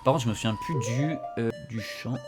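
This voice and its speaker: A man's voice: mid-range voice, moderate pace, over music. Hesitant man narrating a game. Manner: hesitant, many fillers, addresses viewers as "les gars". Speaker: gaming YouTuber. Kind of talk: casual let's play commentary.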